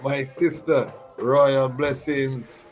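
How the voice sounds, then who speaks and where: A man's voice: mid-range voice, steady tone, drawn-out words, faint music behind, poor audio. A man hosting a talk show, introducing his guest with formal, ceremonial phrasing and frequent fillers. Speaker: host.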